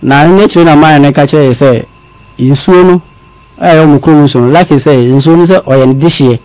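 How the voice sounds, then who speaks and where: Halting male guest, slightly high. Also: darkish tone, clean tone, no room sound. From Ghana. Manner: halting, repeats words, mixes in English phrases. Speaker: guest telling his story. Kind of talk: confessional storytelling.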